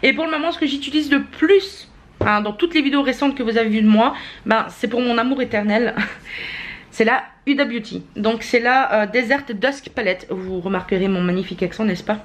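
A woman's voice: fairly high pitch, fairly quick, a little hiss or hum. A young woman, chatting casually to camera at home in a vlog, with lots of fillers and self-mocking laughs. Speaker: vlogger. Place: at home, indoors. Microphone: camera mic, handheld and held by partner.

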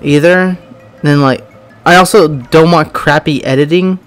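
Brief: young male gamer, higher voice, rambling casual commentary, faint game music behind. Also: measured pace. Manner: rambling, many "like"s, bursts of yelling while racing. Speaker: gaming YouTuber.

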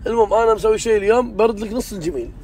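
A man's voice: high-pitched, racing, a little mellow. A man, chatting earnestly and insistently with a friend inside a car. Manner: earnest and insistent, swears he means it. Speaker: vlog host. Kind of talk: casual chat.

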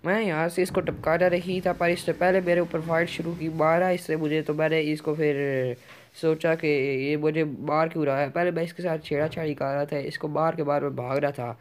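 Commentating on his own game, a YouTuber keeps repeating words in a quick, urgent rush while playing. His voice is slightly high with a level tone.

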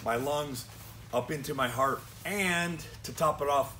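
Male co-host, self-mocking joker, bright and forward tone. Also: on the high side, a little slow, a little hiss or hum. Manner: joking, self-mocking storyteller. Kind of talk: casual live-stream chat.

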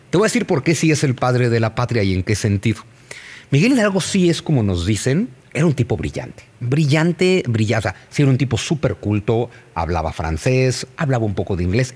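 A man's voice: on the low side, breathy edge. A man with a Mexican accent explaining history in casual conversation, posing rhetorical questions. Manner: animated, rhetorical questions to the listener.

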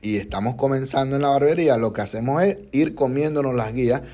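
A man's voice: mid-range voice, quick pace, mellow. A young man, a barber, narrating a step-by-step haircut tutorial in a barbershop, patient and instructive, often checking in with his viewers.

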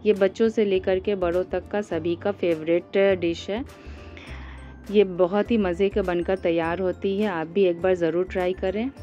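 A woman with a low, mellow voice guides viewers through a home cooking recipe, step by step and unhurried, pausing now and then to find her words. The recording is slightly dull, with soft music underneath. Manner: calm step-by-step instruction with hesitations. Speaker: cooking channel host. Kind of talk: voice-over cooking tutorial.

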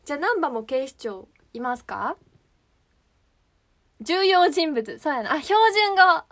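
Young Kansai woman, high bright voice, livestream host, chatty and rambling. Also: sing-song, measured pace. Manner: chatty, rambling, searching for words. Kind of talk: casual livestream chat.

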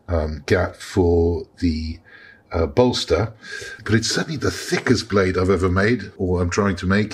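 A man narrating his workshop project in a relaxed, chatty way, with frequent ums and restarts. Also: deep voice, husky. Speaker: maker showing his knife-making project. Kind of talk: casual workshop vlog narration.

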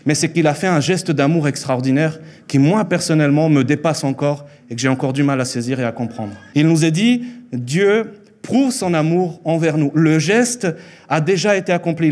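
The speaker is a Mexican-born man in his thirties with Spanish as his first language, earnestly preaching into a handheld mic in a church hall. He sounds on the high side and a little mellow, and he repeats phrases for emphasis and slows at key lines.

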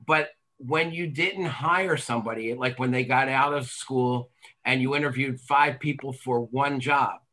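A man's voice: medium pitch, unhurried, pushed and bright, poor audio. A man on a video call panel, speaking wryly with jokes. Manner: wry, joking.

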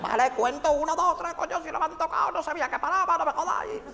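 A man voicing a panicked spectator locked in a dark theatre, shouting and swearing for someone to let him out, with a Spanish accent. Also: very high-pitched, fast talker, creaky, long reverb tail, noisy background, pitched above the performer's own voice. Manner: frantic swearing, shouting for help.

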